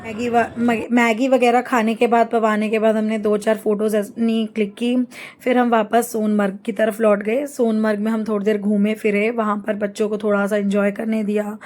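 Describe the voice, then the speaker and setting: A middle-aged woman narrating a family travel vlog in a chatty, rambling way, pausing to find words. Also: mid-range voice, flat delivery, a little mellow. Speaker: travel vlogger.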